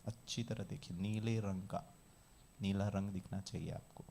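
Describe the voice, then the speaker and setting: A man working as a meditation trainer, leading a guided visualization with calm, measured instructions. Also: sits low, gravelly, a little hiss or hum.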